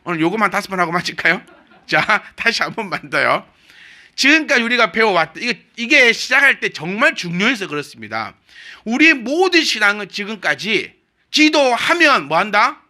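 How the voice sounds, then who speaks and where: A male pastor with a Jeolla accent preaching a sermon, slowing down to stress key phrases. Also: sits high, very animated, pushed and bright. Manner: slow, emphatic preaching with drawn-out quoted phrases. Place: church sanctuary.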